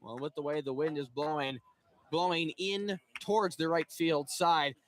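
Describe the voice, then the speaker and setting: Young man giving measured baseball color commentary. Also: a little high, fairly even intonation, a crowd in the background. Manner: analytical, measured.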